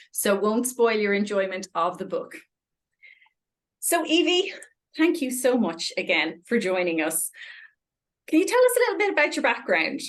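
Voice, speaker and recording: A woman hosting an author interview, giving prepared introductions and questions in a polite, chatty, effusive way. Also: a little high. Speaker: interviewer, library event host.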